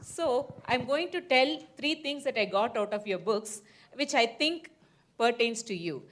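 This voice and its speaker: A woman's voice: a little high, expressive, measured pace, a bit bright. A woman moderating a live panel informally, chatty and playful with frequent asides. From Mysore, India.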